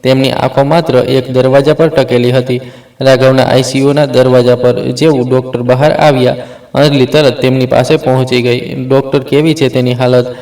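Male storyteller for an emotional tale, narrow flat delivery, steady plain read. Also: mid-range voice, normal speed, roomy sound. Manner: steady, plain reading with small slips. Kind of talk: scripted story narration.

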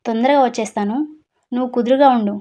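A woman's voice: on the high side, steady tone, quick pace, mellow, lo-fi sound, lightly acted. A woman voicing a playful, bossy young husband who teases and scolds his wife in a read-aloud story. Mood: teasing. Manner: teasing, scolding.

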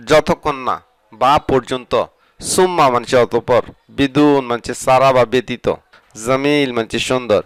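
Man, language teacher, smooth clear voice, dry close sound, steady phrase-by-phrase drilling. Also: mid-range voice, dry recording, poor audio. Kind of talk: vocabulary lesson.

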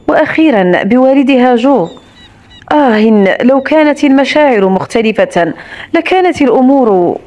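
Brief: woman narrator, high and clear, steady storytelling pace. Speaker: audiobook narrator. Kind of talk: scripted narration of a romance novel.

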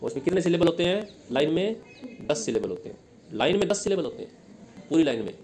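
A man's voice: fairly high pitch, big pitch swings, crowd noise, poor audio. Indian man teaching exam prep. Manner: explains in Hindi, reads English lines slowly; asks questions then answers them himself.

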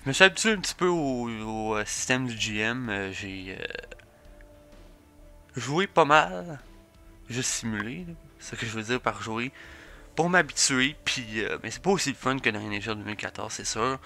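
Brief: young Quebec guy narrating a sports game, easygoing and dry, bright clear tone. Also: mid-range voice, expressive, normal speed, soft background music. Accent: Quebec French. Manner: laid-back, chatty, dry. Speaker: gaming YouTuber. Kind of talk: casual game commentary.

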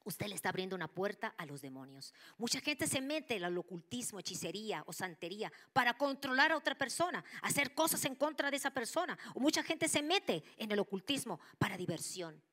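Bright-voiced woman preaching. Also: medium pitch, fairly quick, hardly any pauses. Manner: animated storytelling, drops into whispers for quoted voices. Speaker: church speaker. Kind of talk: sermon with personal testimony.

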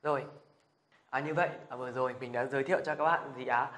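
His voice is medium in pitch, a bit bright, with fairly even intonation and a quick pace. Teaching an introductory language lesson, he patiently checks in with viewers after each point and energetically drills the sounds aloud.

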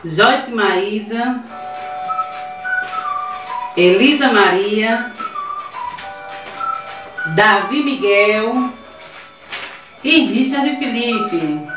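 A woman in her thirties with a mid-range voice and a Brazilian Portuguese accent teaches preschoolers, patiently guiding them through worksheets and often checking in with "tá certo?" She is in a small indoor classroom with a whiteboard. A camera across the room captures roomy sound, with soft music playing.

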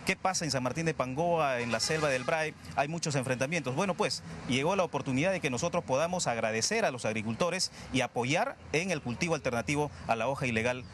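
A man's voice: mid-range voice, fast, few pauses, fairly bright tone, slight background noise. Earnest middle-aged man explaining a project. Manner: earnest, explanatory, uses fillers like "este". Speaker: project promoter. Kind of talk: live news interview. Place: outdoor plaza stand, in the city. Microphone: reporter's handheld mic.

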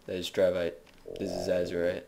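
Let's player, male, very low voice, loose jokey gameplay chatter into a desk mic. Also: completely flat delivery, brisk, creaky, darkish tone, faint music behind. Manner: rambling, jokey self-narration. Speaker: video game let's player. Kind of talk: casual gameplay commentary. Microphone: desk microphone.

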